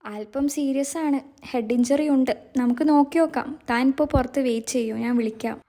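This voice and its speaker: A woman voicing a stern hospital doctor who speaks briskly and firmly. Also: high voice, warm tone. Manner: brisk, firm, reproachful.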